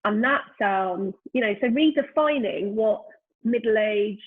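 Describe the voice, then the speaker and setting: A thoughtful woman in her fifties speaks in a mid-range voice over a tinny, phone-like call line. She talks reflectively and pauses to search for her words, often with "you know." She sounds like a guest in a relaxed conversation. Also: mid-range voice, breathy edge. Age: 50s. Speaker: guest, brand founder. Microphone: remote call during lockdown.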